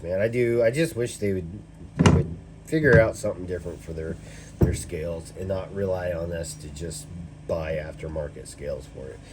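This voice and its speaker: A man with a fairly low voice chats through a casual gear review. He sounds tipsy, wandering loosely through his points and cursing easily. There is some background noise and clicking on the recording. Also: darkish tone, rough recording. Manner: tipsy, loose and rambling, as if drinking; casually profane. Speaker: knife reviewer. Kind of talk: casual rambling product review chat.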